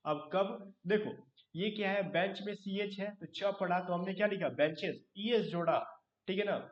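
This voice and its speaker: A man's voice: high-pitched, normal speed. A man teaching an online English grammar class, asking his students question after question and adding joking asides. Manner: explains with repeated questions to students. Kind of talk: online live class lecture. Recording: roomy, distant, dull sound.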